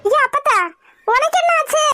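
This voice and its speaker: A woman's voice: extremely high pitch, lively intonation, moderate pace, sharp tone, soft background music, heavily acted. A woman voicing an impatient young village daughter in a cartoon. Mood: puzzled. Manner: impatient, exasperated. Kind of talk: cartoon voice acting.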